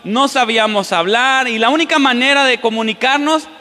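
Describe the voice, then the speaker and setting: Male pastor, sermon, questions to the congregation, sharp bright tone, long hall reverb. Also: very high-pitched, moderate pace. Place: church.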